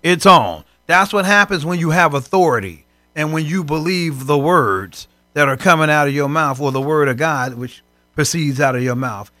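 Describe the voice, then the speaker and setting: A man co-hosting a faith broadcast, preaching in animated conversation and acting out voices from scripture stories. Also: fairly high pitch, normal speed, dry recording, soft background music.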